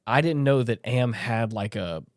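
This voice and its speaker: Casually talking through a story, this male podcast host is earnest and emphatic, leaning heavily on repeated phrases to drive points home. His mid-range voice is animated yet unhurried, recorded dry with no room sound.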